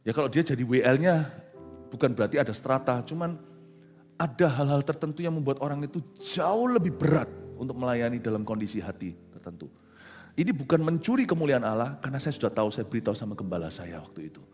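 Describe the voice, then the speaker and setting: A man's voice: medium pitch, fast. Male pastor preaching in reverberant hall. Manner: animated storytelling, drops to soft quiet tones then rises to loud emphasis; mixes English phrases into speech. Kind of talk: sermon with anecdote. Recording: hall reverb with soft guitar music behind.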